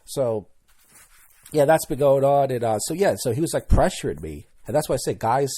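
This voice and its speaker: Thirtysomething guy rambling solo on his podcast, soft dark tone, keeps repeating himself. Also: medium pitch, animated, moderate pace. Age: 30s. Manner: rambling, candid, stumbles and repeats words. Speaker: podcast host. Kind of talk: casual solo monologue.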